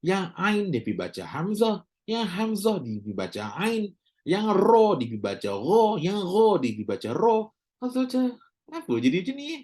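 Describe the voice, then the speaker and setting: A man's voice: high voice, big pitch swings, moderate pace, a little mellow. A man with a Malaysian Malay accent teaching a recorded recitation class, chatty and joking, drawing out sounds to model them. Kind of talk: casual recorded class lecture.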